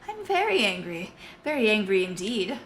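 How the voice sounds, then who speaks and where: A woman's voice: mid-range voice, sing-song, normal speed, fairly bright tone, a little hiss or hum. A woman voicing a stern, formal female commanding officer in a game.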